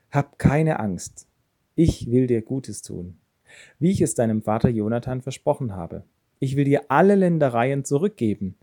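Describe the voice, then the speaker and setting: Devotional speaker, male, warm and slightly husky, earnest Bible storyteller. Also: mid-range voice. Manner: earnest storytelling, reads scripture then comments. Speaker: preacher. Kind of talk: devotional Bible reading and reflection.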